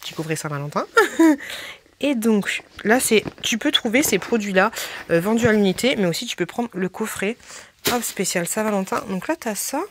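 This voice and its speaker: A woman chatting casually as she unboxes a beauty haul, gushing and excited over each little item. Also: medium pitch, normal speed, slight background noise. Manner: gushing, excitable, squeals over small items.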